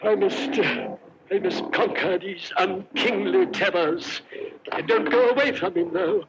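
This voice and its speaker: A pompous, cowardly emperor with a high voice, drawing his lofty words out slowly and halting with nervous hesitations. The sound is a muffled old film track with faint hiss. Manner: grandiose but nervous, halting with hesitant uhs. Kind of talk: 1950s film acting.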